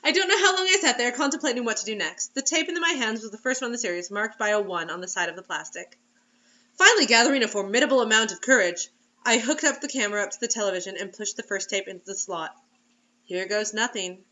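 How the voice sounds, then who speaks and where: This woman hosts a comedic dramatic reading, telling a story in a playful, theatrical, mocking style and slipping in casual jokey commentary. Her pitch is fairly high, her pace fast, and her tone bright and forceful. The recording is dull.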